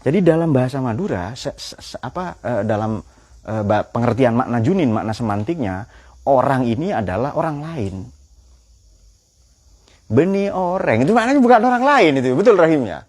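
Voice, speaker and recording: A man's voice: medium pitch, moderate pace. A man giving a Quran exegesis lecture, quizzing his audience with questions and telling jokes. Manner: lively, joking storyteller.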